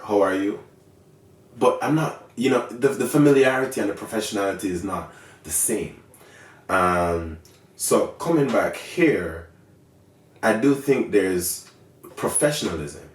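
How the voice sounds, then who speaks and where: A Jamaican filmmaker giving a candid interview, lively, often acting out other people's voices. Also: male voice, on the low side, measured pace, distant mic. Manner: animated, acts out voices of others mid-sentence. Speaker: filmmaker and show creator. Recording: roomy sound, mic set back.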